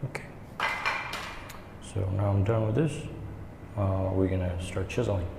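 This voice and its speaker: Male craft instructor, gravelly and low, casual and halting step-by-step delivery, recorded in a reverberant echoing stairwell. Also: fairly even intonation. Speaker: woodworking instructor. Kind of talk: hands-on tutorial, talking while working. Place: indoor staircase with strong echo. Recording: echoey stairwell, long reverb, background noise.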